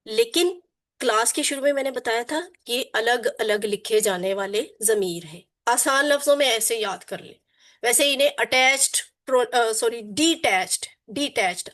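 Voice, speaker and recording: Lady teaching quran arabic, kinda high voice, repeats everything call and response style. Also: fairly bright tone. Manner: repetitive call-and-response drilling; mixes English teaching terms into her speech. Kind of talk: online class lesson.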